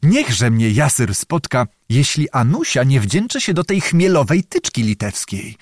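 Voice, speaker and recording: A man voicing a small, mocking young cavalry officer in an audiobook, speaking in a sly, teasing, deliberate way. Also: medium pitch, very animated, dry recording, clean studio sound.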